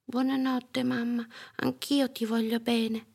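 A woman voicing a cheerful, playful little girl in a storybook reading, with a high, excitable manner. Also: slow, gravelly, husky, exaggerated voice. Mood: sleepy.

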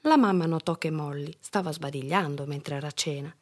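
A woman reading a children's story aloud in an expressive storytelling manner. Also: low-pitched, fairly quick.

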